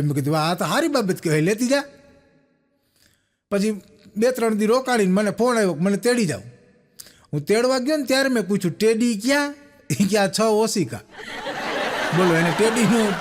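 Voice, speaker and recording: A young man, telling jokes on a live stage and acting out the people in them. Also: high-pitched. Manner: animated storyteller acting out quoted characters. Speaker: stand-up comedian telling jokes. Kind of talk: Gujarati folk stage joke-telling. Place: live stage show with audience.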